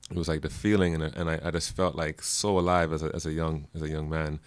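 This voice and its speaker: A man from Jamaica with a very deep voice chats casually as a guest, rambling with plenty of fillers and easy laughter. The recording is dry and close. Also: quick pace, clear, resonant tone, dry recording. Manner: laughs often, relaxed rambling with many fillers. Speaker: musician guest. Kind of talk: casual interview chat.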